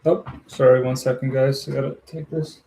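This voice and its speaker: Livestream host, man from Ukraine; mellow, dark tone, easygoing chatter with frequent laughs. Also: mid-range voice, flat delivery, moderate pace, creaky, slight background noise. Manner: friendly, chatty, laughs often while building. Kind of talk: casual chat with live viewers.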